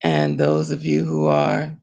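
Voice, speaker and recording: A woman reverend hosting a spiritual broadcast, talking in a gentle, smiling, meditative way. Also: sits low, sing-song, takes it slowly, vocal fry. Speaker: reverend and host of a spiritual program. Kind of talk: slow spiritual broadcast talk.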